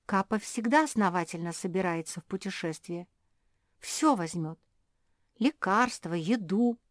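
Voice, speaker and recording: A woman's voice: medium pitch, unhurried, no room sound, clean studio sound, lightly acted. A woman reading aloud and voicing a worried, chattering pug sister. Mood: fretful.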